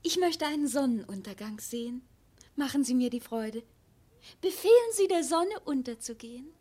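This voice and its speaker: A little boy prince with a high, light voice. He is innocent, polite and full of earnest questions, in the manner of a storybook audio play. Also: lively intonation, moderate pace, dark tone. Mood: hopeful. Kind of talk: children's audio drama acting.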